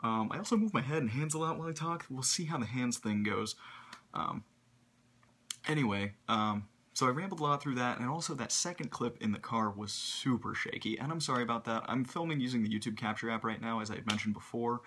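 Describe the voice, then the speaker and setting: A man's voice: medium pitch, a bit bright, husky. A young man talking through a casual vlog, telling stories in a rambling, long-winded way. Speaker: vlogger.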